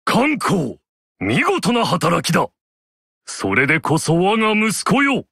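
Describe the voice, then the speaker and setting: A proud, honorable male warlord from a video game, barking battle cries and formal archaic commands. The voice is husky and bright, with wide swings in pitch. Delivery is slow and weighty, recorded dry and close. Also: wildly swooping pitch, no echo, full character voice. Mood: commanding. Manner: archaic samurai-style formal speech, shouted battle cries. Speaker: game character voice.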